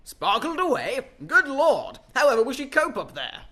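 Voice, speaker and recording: A man playing a pompous old gentleman in a comic radio drama, speaking in exclamatory, old-fashioned phrases. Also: very high-pitched, huge pitch swings, normal speed, full character voice. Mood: aghast. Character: blustering old English gentleman filmmaker and uncle.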